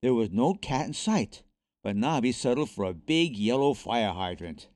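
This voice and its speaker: A man reading a children's storybook aloud, expressive and animated. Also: mid-range voice, moderate pace, no room sound, studio quality. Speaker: narrator.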